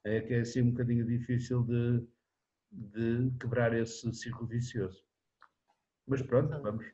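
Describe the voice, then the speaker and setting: A man in his seventies with a European Portuguese accent, answering in a relaxed interview, rambling with restarts and frequent tag questions. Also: medium pitch, moderate pace, dull audio. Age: 70s. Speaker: interviewee, singer-songwriter.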